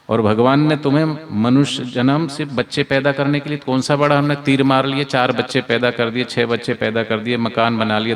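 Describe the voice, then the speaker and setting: A male preacher from Madhya Pradesh giving a devotional sermon, telling stories and asking the audience rhetorical questions. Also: medium pitch.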